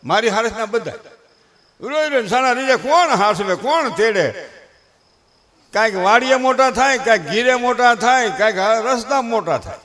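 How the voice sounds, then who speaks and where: Older man, high voice, Kathiyawadi Gujarati accent; folksy stage comic who preaches as he jokes. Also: expressive, moderate pace, fairly bright tone. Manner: folksy, preachy, with rustic dialect. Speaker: folk comedian and speaker. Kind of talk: humorous stage talk with moral advice. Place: stage before a live audience.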